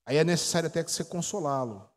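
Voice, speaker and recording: A Brazilian man in his forties speaks fast in a slightly high voice with a Brazilian Portuguese accent. He's a pastor leading a chatty, story-driven teaching sermon in which he questions his congregation, all captured in an echoey church hall.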